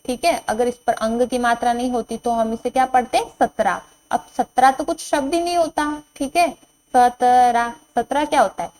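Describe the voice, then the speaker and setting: Woman teacher for small children, higher voice, stretches every word and says it twice, faint hum on the track. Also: steady tone, darkish tone, low-quality recording. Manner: slow, drawn-out reading of each word, then repeating it; asks the children questions and answers them herself. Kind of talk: classroom lesson at a board.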